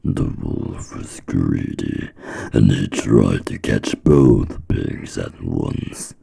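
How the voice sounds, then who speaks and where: A man with a very deep, gravelly voice narrating a fairy tale slowly, in a firm, deliberate manner. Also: mellow. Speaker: storyteller.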